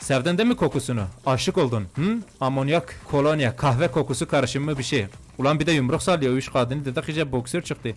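A young man giving crude, joking commentary while playing a video game, swinging between muttered remarks and mock-outraged shouting. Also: mid-range voice, fairly quick, few pauses. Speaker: gaming YouTuber. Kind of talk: comedic let's-play commentary.

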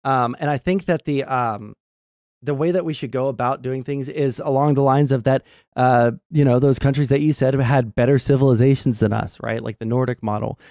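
A young adult man hosting a stream, explaining his political views casually in a measured, halting way. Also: medium pitch, steady tone, darkish tone, no echo, studio quality. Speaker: streamer host. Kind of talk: casual political discussion over a game stream. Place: small indoor streaming room. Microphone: close desk mic with headset.

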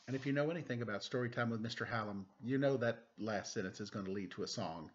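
The home storytime continues with a man in his forties reading a picture book aloud and making chatty, playful asides. His pitch is fairly low and his pace quick, recorded as dull lo-fi webcam sound.

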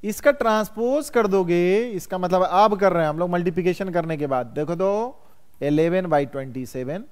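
Male math teacher, high and clear, classroom lecture full of questions to students. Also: moderate pace, darkish tone. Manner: quizzes students constantly, calls them "बउआ".

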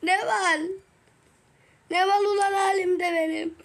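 A woman voicing several characters in a game video, excitable and teasing, full of exclamations. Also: very high voice, slow pace, vocal fry. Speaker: gaming video creator.

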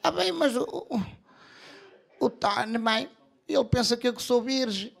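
A man's voice: very high voice, expressive, measured pace, gravelly, full character voice. A male comedian voicing a nervous young woman about to marry, speaking in a whiny, fretful way.

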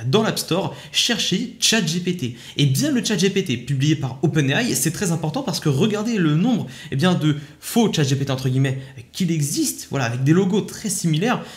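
A man's voice: a little high, animated, moderate pace, hardly any pauses. A man presenting a casual tech tutorial, explaining step by step in a chatty way with lots of fillers. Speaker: tech YouTuber testing an AI app.

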